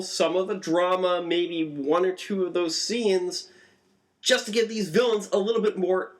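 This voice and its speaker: A man gives a casual, conversational film review. His voice sits a little high and jumps even higher when he stresses a point, and his delivery is animated.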